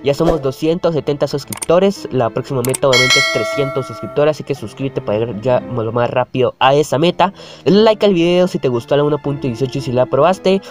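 Speaking at a medium pitch, this young man talks briskly with few pauses as music plays underneath. He's reacting to a video on his channel, laughing frequently and shouting at the screen in laid-back commentary.

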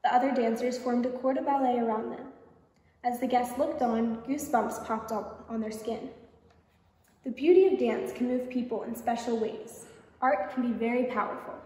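A woman reads a children's picture book aloud at a library storytime, pausing to ask the children gentle questions. Her voice is fairly high. It echoes around a large room from far off the mic. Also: steady tone. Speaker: storytime reader. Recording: echoey hall, distant mic.

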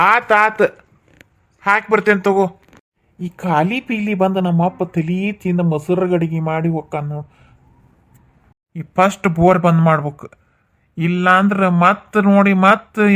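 A man's voice: high voice, a bit bright. A man with a North Karnataka Kannada accent, voicing a village cartoon with scolding and grumbling farm talk. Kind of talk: cartoon voice acting, village comedy.

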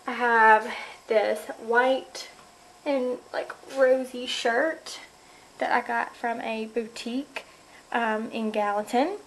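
A woman's voice: fairly high pitch, a little hiss or hum. Chatty young woman vlogging. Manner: chatty, filler-heavy, sweet. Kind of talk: casual vlog chat to camera.

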